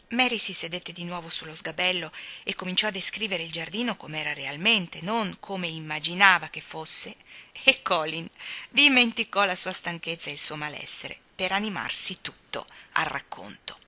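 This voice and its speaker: A woman reading a children's novel aloud, telling the story calmly and evenly. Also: lowish voice. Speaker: audiobook reader.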